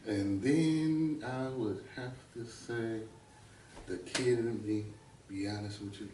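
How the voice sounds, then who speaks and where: A man co-hosting a casual talk show, speaking in relaxed conversational slang with some swearing. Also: medium pitch, slow pace, background noise. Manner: slangy, profane banter. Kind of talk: casual chat. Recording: roomy echo, distant mic.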